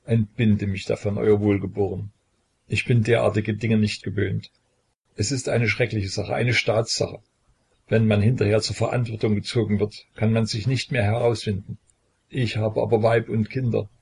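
A man's voice: fairly low pitch, flat delivery, normal speed, gravelly, a little mellow, breathy edge, full character voice. A man voicing a timid, fearful middle-aged garrison priest who pleads anxiously in a historical audiobook. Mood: fearful pleading.

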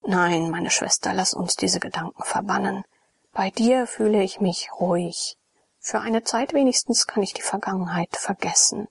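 A woman's voice: medium pitch, moderate pace, vocal fry, breathy edge, no room sound. A woman voicing a troubled young priest, half-whispered and earnest, in an audiobook reading.

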